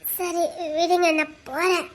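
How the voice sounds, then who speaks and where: A shy, spirited young working woman, voiced by a woman. Her voice is very high and soft, and she pushes back coyly. This is a radio-style audio drama. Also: moderate pace. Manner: soft, coy and protesting. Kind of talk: Tamil audio drama acting.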